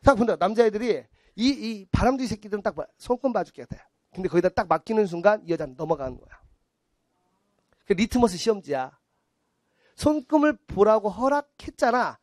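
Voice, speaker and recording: Blunt, lively man lecturing a class. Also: high-pitched, fairly quick, no room sound. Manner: blunt, teasing, acts out little scenes. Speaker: math lecturer.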